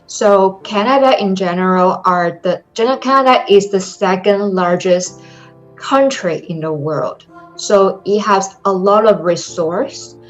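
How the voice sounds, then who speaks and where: This young Chinese woman, presenting online for a study-abroad program, has a medium-pitched voice and takes her time. Her careful English carries a Chinese accent and plenty of ums, with faint music behind on a low-quality recording.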